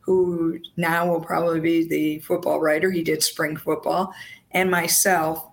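A woman sports reporter, hoarse with laryngitis, talking casually and earnestly on a podcast in a halting way. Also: low-pitched, level tone.

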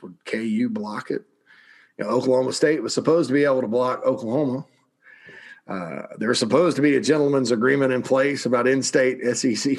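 Husky rambling sports-talk man. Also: medium pitch. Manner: rambling, lots of restarts and asides. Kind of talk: casual sports talk commentary.

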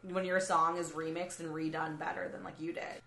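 Low-voiced woman chatting about music. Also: little pitch movement, normal speed, gravelly, bright, forceful tone. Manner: chatty, lots of ums and likes. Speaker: podcast co-host. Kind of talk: casual chat about music. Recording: echoey room.

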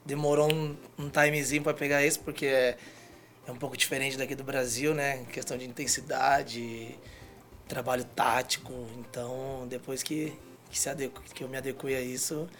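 Male Brazilian guest, medium pitch, informal conversational delivery. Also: level tone, normal speed, a bit bright. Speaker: guest, professional footballer. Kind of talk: casual chat.

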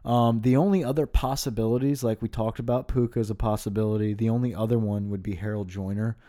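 A man, chatting casually about football recruits. He runs through names and positions with eager, rapid enthusiasm, like a podcast host deep in the details. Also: steady tone, dark tone. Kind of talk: casual sports talk.

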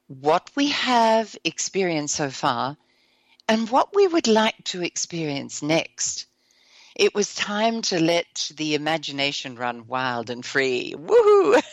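An enthusiastic woman hosts a self-help show, her slightly croaky voice set a little low. She talks slowly with a lively, swooping pitch. The sound is dry and close. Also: dry recording. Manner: enthusiastic, bursts into whoops and laughs. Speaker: host.

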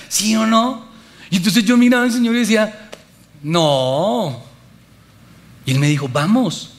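A man's voice: a little high, gravelly, a bit bright. A man preaching a sermon, telling a personal story with animation and speaking directly to the congregation.

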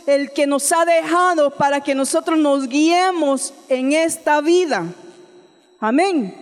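A woman's voice: high voice, big-room sound. A woman preaching a sermon with a Central American Spanish accent, calling listeners sister and adding frequent amens. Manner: addresses listeners as sister, adds frequent amen. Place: church.

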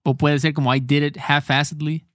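A man's voice: on the high side, flat delivery, moderate pace, fairly bright tone, dry recording, clean studio sound. A man co-hosting a casual podcast on slang, laughing often and slipping English phrases into his talk. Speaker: podcast co-host teaching Mexican slang. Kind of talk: casual bilingual podcast chat.

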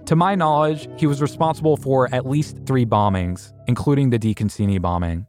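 A man's voice: medium pitch, darkish tone, soft background music. Man narrating an investigative podcast. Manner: measured storytelling, rhetorical questions.

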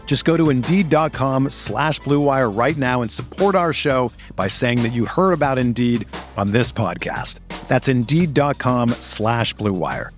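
A man reading a scripted ad in a smooth, polished way, slowing down for the tag lines. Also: mid-range voice, animated. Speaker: ad announcer. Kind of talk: scripted ad read. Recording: faint music behind the voice.

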